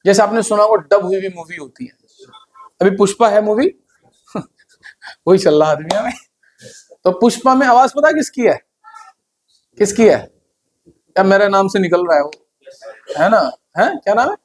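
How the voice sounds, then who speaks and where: A man's voice: high-pitched, expressive, moderate pace, pauses often. A man giving a conversational classroom lecture on computer hardware, often asking the class questions.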